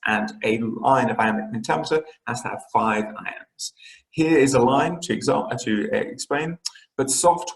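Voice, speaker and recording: A man's voice: mid-range voice, reverberant, rough recording. A man teaching an online English literature lesson, explaining patiently with frequent fillers and restarts.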